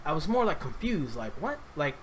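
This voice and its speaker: A man's voice: a little high, big pitch swings, moderate pace, a bit bright, a little hiss or hum, poor audio. Rambling opinionated man from New York. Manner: rambling, repeats and restarts words; earnest, opinionated. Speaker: vlogger. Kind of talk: casual rambling commentary.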